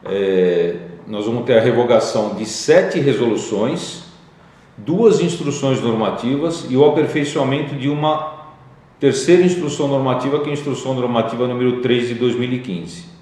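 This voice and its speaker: Brazilian executive, measured step-by-step explanation, mid-pitched male voice, very reverberant room. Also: darkish tone. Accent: Brazilian Portuguese. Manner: methodical, explains legal text step by step with fillers. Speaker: company CEO explaining regulations. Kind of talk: explanatory talk. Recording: very echoey room.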